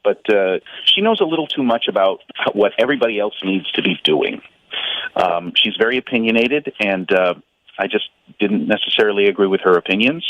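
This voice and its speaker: A man's voice: lowish voice, animated, fairly quick, dry recording. A man calling in to a radio show over the phone, hesitant and stammering, repeating his words. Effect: heard over a phone line. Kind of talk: on-air phone call. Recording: dull, muffled phone line.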